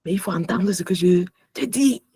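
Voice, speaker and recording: Passionate husky-voiced woman teaching. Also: medium pitch, expressive, unhurried, warm tone, no echo. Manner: passionate, switches between French and English. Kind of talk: devotional teaching on marriage.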